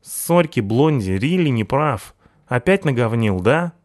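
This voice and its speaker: An excitable young punk, voiced by a man, gushes in slang in a raised, eager voice. He sounds breathless and boyish. The recording is dry and close. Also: medium pitch, measured pace, no room sound, voice pushed up, natural voice. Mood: excited gushing.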